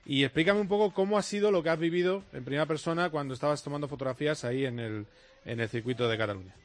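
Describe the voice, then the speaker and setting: A man hosting a sports radio show, interviewing a guest with brisk questions and frequent filler sounds. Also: on the high side.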